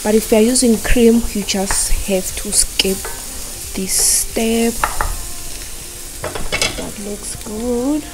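A young woman calmly narrating a casual cook-along, explaining each step to her viewers from her home kitchen. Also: on the high side, extremely slow, pauses often, noisy background. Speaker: cooking vlogger. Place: home kitchen while cooking. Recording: loud frying sizzle behind voice.

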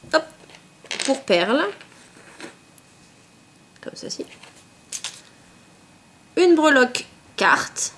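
A woman's voice: sits high, slight background noise. A woman vlogger chatting casually as she unboxes craft supplies at home, often saying euh and hop. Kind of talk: casual unboxing show-and-tell.

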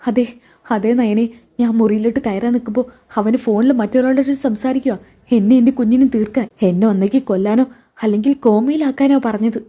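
A woman's voice: steady tone, a little fast, warm tone, close to an everyday voice. Woman doing a panicked betrayed young wife. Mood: distressed. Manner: high, alarmed exclamations.

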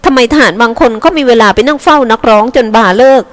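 Woman putting on a shrill jealous young wife. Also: quick pace, natural voice. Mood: accusing. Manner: shrill, whining, accusing. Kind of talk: audiobook character reading. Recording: long hall reverb.

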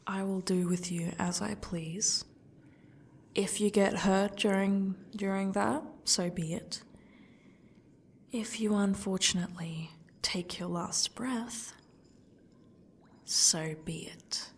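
A woman acts out a sadistic female yandere stalker in an ASMR role-play. Her voice is husky and crackles with fry, and she takes her time, taunting her captive with smug, faux-gracious menace. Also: medium pitch, animated, slow pace, long pauses, full character voice. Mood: smug, menacing. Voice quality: breathy, husky, dropping into speaks softly.

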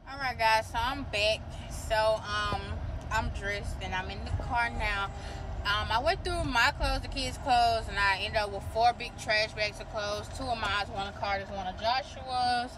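A woman's voice: fairly high pitch, a little slow, noisy background. A young woman chatting casually to her viewers in a home vlog. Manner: chatty, addresses viewers as y'all. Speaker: vlogger. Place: bedroom and car. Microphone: phone camera.

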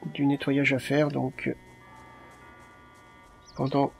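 Gravelly Frenchman commenting on a game. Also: medium pitch, monotone, slow pace, faint music behind. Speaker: let's play streamer.

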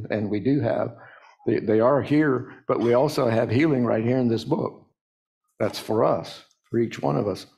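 A man preaching in an easygoing, chatty sermon style. His voice sits in a middling pitch, and he breaks into sudden high-pitched jumps when he acts out the lines of the people in his stories. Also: gravelly, darkish tone. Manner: frequent restarts and folksy asides. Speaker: pastor.

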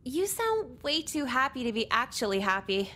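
A sardonic game teen who can't be bothered with anyone. Her slightly high voice stays flat and deadpan, dropping crude jokes with no warmth. Faint hiss sits under her lines. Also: normal speed, exaggerated voice. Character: sardonic, apathetic teenage girl. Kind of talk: video game voice acting.

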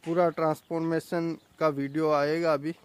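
A man's voice: fairly high pitch, level tone, moderate pace, slight background noise. Chatty young man selling goats. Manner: chatty, boastful sales talk. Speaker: goat farm owner and vlogger. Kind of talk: casual promotional farm vlog. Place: outdoor goat farm pen.

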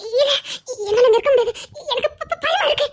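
A woman playing a sobbing young wife, very high-pitched. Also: fast talker, fairly bright tone. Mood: tearful, anguished. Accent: Tirunelveli Tamil. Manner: sobbing, breaking voice, repeated pleas. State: crying. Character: distraught young wife, weeping, frightened, threatening to leave. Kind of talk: tearful melodrama.

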